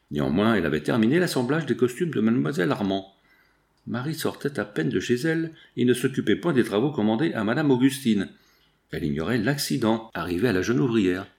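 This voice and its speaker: Gravelly guy reading a novel aloud, lots of pitch movement. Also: a little mellow. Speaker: audiobook narrator. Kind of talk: scripted novel narration.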